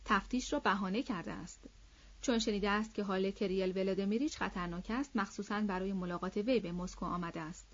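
A woman's voice: medium pitch, close to an everyday voice. A woman reading the lines of a confiding, gossiping elderly princess in an audiobook, on a slightly dull recording.

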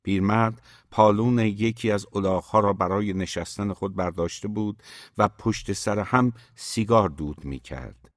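A man narrates a literary story in a measured, steady audiobook reading. His voice is deep and low. The recording is dry and close to the mic. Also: no echo.

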